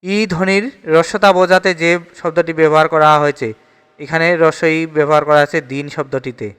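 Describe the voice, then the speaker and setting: A man's voice: on the high side, little pitch movement, a little fast, fairly bright tone, clear, resonant tone, in a large hall. A man with a Bangladeshi Bengali accent teaching an exam-prep grammar lesson, steadily reading each question and repeating the answer.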